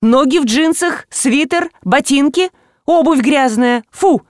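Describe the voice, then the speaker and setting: A woman voicing a panicky, hysterical homeowner in an audiobook, shrill, excitable and indignant. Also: a little slow, dry recording, clean studio sound. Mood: agitated. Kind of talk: audiobook reading.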